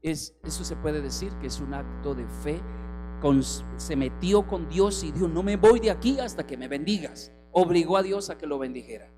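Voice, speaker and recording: A man preaching a sermon as a pastor. He acts out the figures he quotes and swings between strong calls and soft, hushed passages. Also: fairly high pitch, expressive, moderate pace. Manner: preaching with acted quotes, rising and dropping to soft tones. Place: church hall. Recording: reverberant hall with music.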